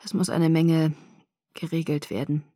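Woman playing an older wheelchair-bound man, low grumbly voice, somber, dry audiobook sound. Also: little pitch movement, a little slow, warm tone, dry recording. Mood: grave.

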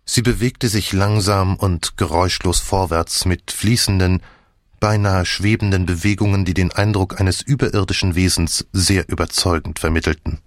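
A man narrating a crime novel in the first person with measured, even storytelling. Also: sits low, no room sound, studio quality. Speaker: audiobook narrator.

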